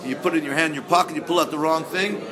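A high-voiced man delivers a rabbinic sermon in American English with a Yiddish inflection. He is animated and emphatic, repeating phrases and posing rhetorical questions. An audience can be heard behind him. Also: rapid-fire, a crowd in the background. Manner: acts out dialogues with exasperated rhetorical questions; emphatic repetition. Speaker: rabbi giving a Torah lecture.

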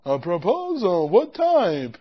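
A patient, agreeable small-town baker, as an actor plays him, calmly going along with every fussy request. He talks slowly, at an unhurried middling pitch, and the recording sounds dull and lo-fi. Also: husky, full character voice. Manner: agreeable, keeps saying no problem. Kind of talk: amateur comic storytelling skit.

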